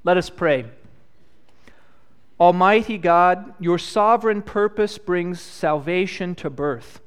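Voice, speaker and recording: Pastor guy in his 30s, gentle, asks the kids questions, clear high-ish voice. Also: takes it slowly. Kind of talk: prayer and children's message. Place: church.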